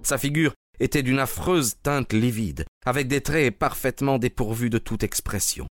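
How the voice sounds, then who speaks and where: A man narrating a detective story in a steady audiobook style. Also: medium pitch, moderate pace, soft background music.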